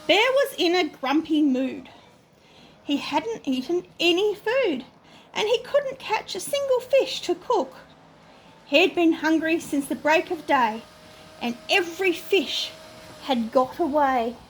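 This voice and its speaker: A sweet old lady with a high voice reads a picture book to her grandchildren. The older woman is doting and expressive, slipping into chatty asides. Faint noise sits behind her on the recording. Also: takes it slowly, poor audio. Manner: animated, expressive reading. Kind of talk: storybook read-aloud with chatty asides.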